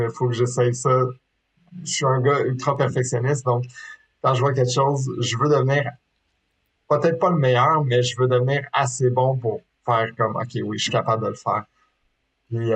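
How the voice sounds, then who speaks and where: A mid-range male voice comes through a rough recording: a sport shooter in his thirties from Quebec, Canada, speaking with a Québécois French accent. As an interview guest he's casual but hesitant, with frequent fillers and restarts.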